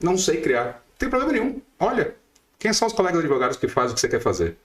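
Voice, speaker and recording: A middle-aged Brazilian man, appearing as a guest lawyer in a podcast interview, gives emphatic advice while firing off rhetorical questions. His voice is a little high, very animated and very fast.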